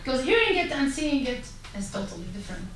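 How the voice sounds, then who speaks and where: Her voice sits high and a bit bright, with a fast, sing-song delivery. She is a woman from Syria making an impassioned panel talk, pressing her point with rhetorical questions. Faint noise and a distant mic capture her in a hall full of echo.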